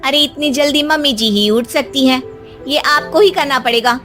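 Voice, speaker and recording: A woman's voice: sits high, moderate pace, fairly bright tone, faint music behind, voice pushed up. A woman voicing a cheeky young daughter-in-law in a cartoon, sarcastic and talking back.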